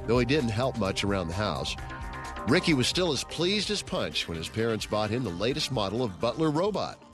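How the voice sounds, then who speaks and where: A man reading a children's story aloud in a steady, gentle storytelling manner. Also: mid-range voice, moderate pace, music in the background. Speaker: story reader. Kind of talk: scripted storybook narration.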